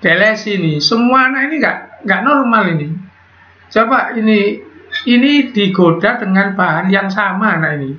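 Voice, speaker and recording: A man lectures a biology class, with a fairly high voice. He keeps it chatty, firing questions at the students and tossing in jokes. The sound is echoey and dull, as though recorded on a cheap device in a classroom. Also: animated, normal speed. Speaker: biology teacher.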